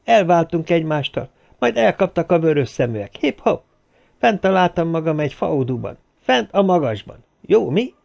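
A man's voice: a little high, very animated, vocal fry, a little mellow, voice pushed up. A man voicing a cheerful, boastful young man who tells his tale with bravado, in slightly dull lo-fi audio. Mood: excited, chatty. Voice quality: boastful, chatty.

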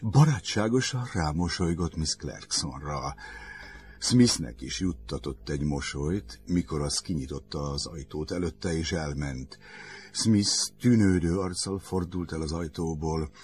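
A man with a very deep voice narrating an audiobook. His reading is measured and gently ironic.

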